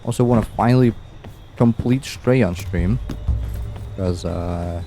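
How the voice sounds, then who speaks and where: Low, mellow-voiced rambling male streamer. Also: measured pace, soft background music. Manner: rambling, musing aloud with easy chuckles. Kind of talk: casual gameplay commentary.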